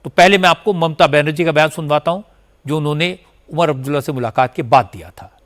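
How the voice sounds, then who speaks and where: Man, news anchor, scripted narration, formal and steady, slightly high voice. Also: fast talker.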